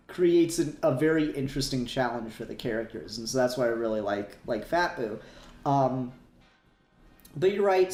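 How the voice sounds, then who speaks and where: A mellow, mid-range male voice comes from a podcast co-host in a casual, sweary fan discussion, rambling with emphatic repetition. The recording has a roomy echo with faint music in the background.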